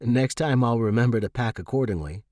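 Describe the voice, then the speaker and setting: A man voicing a shy young man, gentle and reassuring, in a storybook reading. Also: mid-range voice, brisk, no room sound, studio quality, natural voice. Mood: curious. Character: shy, easygoing young man lost underground.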